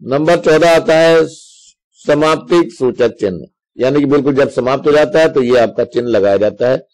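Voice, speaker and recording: A man teaching Hindi grammar to young students on video. His voice sits at a middle pitch, and he explains patiently, going through examples one step at a time. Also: normal speed, a little mellow, rough recording.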